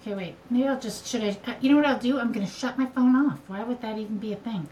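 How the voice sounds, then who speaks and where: A woman's voice: a little high, fast, darkish tone, slight background noise, low-quality recording. Woman on a glitchy call, cutting out. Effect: call audio cutting out on a shaky connection. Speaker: podcast co-host. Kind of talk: casual chat over a video call. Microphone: video call.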